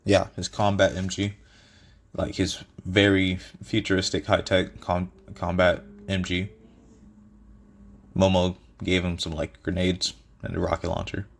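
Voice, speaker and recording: A man's voice: deep voice, monotone, a little slow, creaky. A man casually improvising a fan story, rambling with many fillers and restarts and chuckling at his own ideas.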